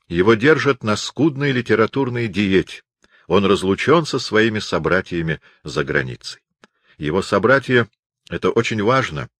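A man reads a literary lecture in a measured, ironic way. His voice sits very low. The recording is dry and close, with no room sound. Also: fairly bright tone, no room sound. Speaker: lecturer reading a lecture text. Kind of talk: scripted reading of a literary lecture.

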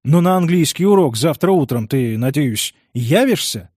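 A man's voice: a little high, lively intonation, moderate pace, darkish tone, husky, no room sound. A man reading the part of a strict middle-aged uncle who speaks curtly and dryly. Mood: stern. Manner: curt, dry, reluctant.

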